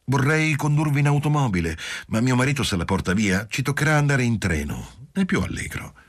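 A man reading an audiobook voicing a composed young woman who speaks briskly. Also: medium pitch, big pitch swings, voice pushed up. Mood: cool, brisk. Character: cool, composed young woman, mildly disapproving.

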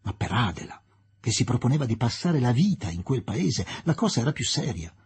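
Husky-voiced male audiobook narrator. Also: medium pitch. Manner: expressive, measured storytelling.

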